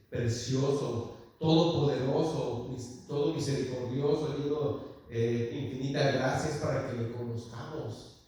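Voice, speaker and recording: Preacher in a very echoey hall. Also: male voice, mid-range voice, dark tone. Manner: earnest, addresses the congregation as brothers, many filler words. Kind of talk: sermon. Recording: echoey hall, mic far off.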